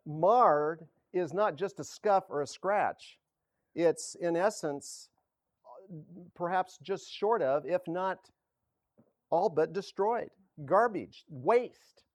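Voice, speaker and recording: Pastor, male, casual halting sermon delivery, unhurried, dry close sound. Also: high voice, expressive, no echo. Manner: halting, self-correcting, chuckles often.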